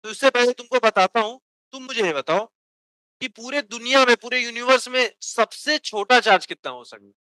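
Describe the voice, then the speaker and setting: High-voiced bright Hindi physics teacher. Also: male voice, clean tone, dry recording, poor audio. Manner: asks students questions and answers them himself; dictates notes slowly word by word. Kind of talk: classroom lecture.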